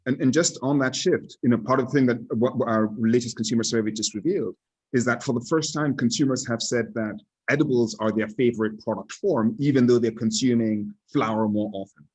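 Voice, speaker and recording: A man speaking as an industry analyst in a casual podcast discussion, deliberate and often restarting his sentences. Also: medium pitch, a little mellow, husky, low-quality recording.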